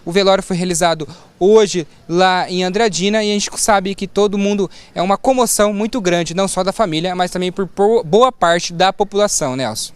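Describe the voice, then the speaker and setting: A man with a Brazilian Portuguese accent giving a live news report, brisk and matter-of-fact with occasional stumbles. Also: sits high, clear, resonant tone, no room sound. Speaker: field reporter.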